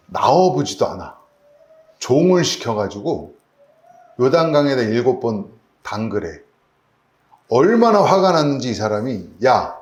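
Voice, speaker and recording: Guy pastor giving a sermon, lively up and down voice, keeps asking the people questions, roomy church sound. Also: mid-range voice. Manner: animated preaching, rhetorical questions to the congregation. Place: church sanctuary.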